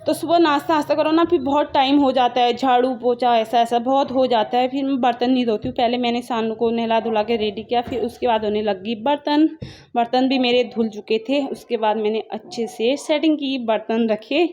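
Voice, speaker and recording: A woman's voice: fairly high pitch, steady tone, a little fast, darkish tone, lo-fi sound. A young woman with a Pahari-tinged Hindi accent, casually narrating her daily routine in a rambling, homely way. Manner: chatty, rambling, homely storytelling. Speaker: vlogger.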